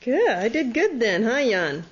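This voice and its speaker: A woman chatting and teasing slowly at a family gift opening, heard on an old VHS home video. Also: a little high, sing-song. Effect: old VHS home video recording. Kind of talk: casual family chat, narrating the gift opening. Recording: hissy, dull old VHS tape.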